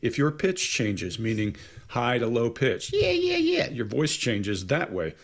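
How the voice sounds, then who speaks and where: A man's voice: mid-range voice, lively intonation, measured pace. A man speaking as an expert on a casual panel, giving long-winded explanations with examples he acts out. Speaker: body language expert panelist.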